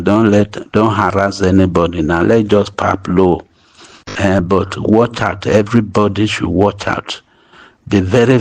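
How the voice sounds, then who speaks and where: A man, heard through a played-back voice message. His voice sits fairly low and he talks slowly, pausing and restarting his phrases as he urges a group to stay calm. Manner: halting, repeats and restarts phrases; urging calm. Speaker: group leader addressing members. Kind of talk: voice note update to a group.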